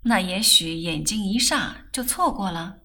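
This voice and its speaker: A woman reading a novel aloud, voicing a gentle young man who teases softly in a lowered voice. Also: animated, measured pace, exaggerated voice. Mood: gentle teasing.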